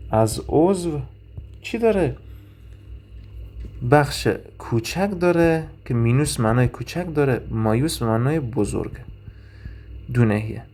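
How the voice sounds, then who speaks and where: A man gives a recorded anatomy lecture in a mellow, mid-pitched voice. He moves through each term step by step, putting questions to his listeners and then answering them himself. He thinks aloud as he goes, with frequent pauses. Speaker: anatomy instructor. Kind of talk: recorded lecture with drawing and reading.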